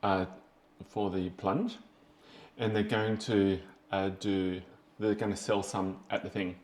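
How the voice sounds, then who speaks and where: A man's voice: on the low side, steady tone, slow, darkish tone. A man with an Australian accent co-hosting a casual podcast chat, talking in a loose, chatty way with fillers and easy laughter. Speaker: podcast co-host. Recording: echoey room.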